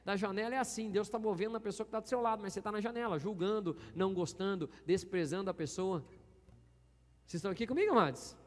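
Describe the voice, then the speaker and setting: High-voiced preaching pastor in reverberant church. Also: male voice. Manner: call-and-response preaching, asks the congregation questions. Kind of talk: sermon. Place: church hall. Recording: long hall reverb.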